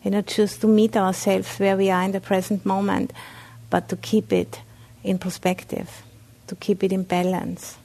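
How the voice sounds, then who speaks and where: With a creaky, mellow, mid-range voice, this Buddhist nun from Austria gives a dharma talk at a meditation center in Austrian-accented German. She speaks haltingly, restarting often and using many fillers.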